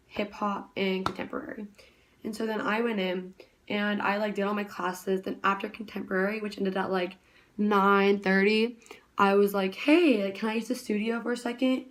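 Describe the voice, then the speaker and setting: A woman vlogger in casual chat, talking very fast and rambling with lots of filler words. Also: mid-range voice, noisy background.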